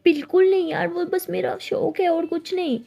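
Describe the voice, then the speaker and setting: A woman voicing a gentle young college woman who coaxes and apologizes to her partner. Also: very high voice, little pitch movement, moderate pace, vocal fry, voice pushed up. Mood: exasperated. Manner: coaxing, apologetic.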